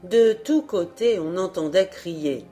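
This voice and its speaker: A woman reading a folk tale aloud in a calm, measured narration. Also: on the low side, soft background music. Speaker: audiobook reader.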